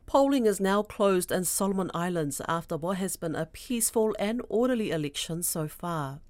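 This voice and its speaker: A woman's voice: fairly low pitch, animated, normal speed, a little mellow, dry recording. A woman presenting scripted radio news in a studio.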